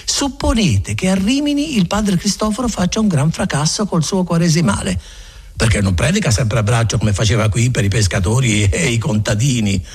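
A man voicing a chatty, kindly friar who talks in a garrulous, folksy, self-assured way, with a husky voice. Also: medium pitch, animated, moderate pace. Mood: rambling.

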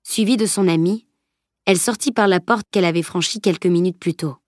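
A woman narrating a fantasy novel as an audiobook in a steady, measured read. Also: fairly low pitch, no room sound, studio quality. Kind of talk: scripted narration.

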